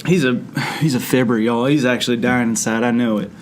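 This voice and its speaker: A man's voice: mid-range voice, fairly even intonation, fast talker. A young man hosting a youth ministry video, dramatically complaining and coughing through a spicy food challenge. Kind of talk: casual hot-sauce challenge banter. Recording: noisy room background.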